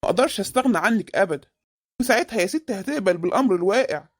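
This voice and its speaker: A woman's voice: medium pitch, animated, very fast, husky, no echo. A woman voicing a scheming middle-aged married man in a comic cartoon, with an Egyptian accent and a sweet-talking, evasive manner. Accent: Egyptian Arabic.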